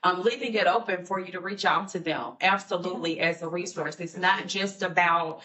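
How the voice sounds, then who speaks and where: A woman's voice: on the low side, steady tone, normal speed, sharp tone, distant mic. A woman hosting a podcast panel, speaking enthusiastically and affirming her guests. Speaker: podcast host.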